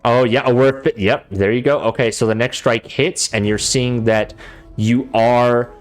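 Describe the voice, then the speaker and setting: A man's voice: mid-range voice, fairly even intonation, normal speed. A man runs a tabletop game as its game master, rambling casually through rules and action. Faint music plays behind his voice. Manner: casual, rambling, many fillers.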